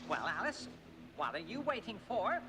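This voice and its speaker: High, stilted cartoon father. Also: very animated, moderate pace, pushed and bright, soft background music, full character voice, low-quality recording. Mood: bossy. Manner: stiff, oddly stilted dubbed delivery. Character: fussy father leading his family. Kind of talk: 1980s English cartoon dub.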